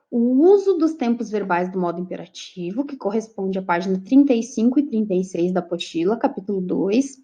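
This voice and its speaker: A woman's voice: medium pitch, mellow. A Brazilian woman teaching an online class. She explains step by step and keeps checking in with her students. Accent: Brazilian Portuguese. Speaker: Portuguese teacher. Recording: dull lo-fi recording.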